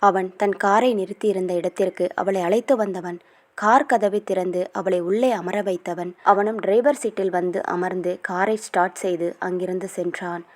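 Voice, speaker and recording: A woman narrating a romance novel aloud in a calm, steady reading voice. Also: on the low side, moderate pace.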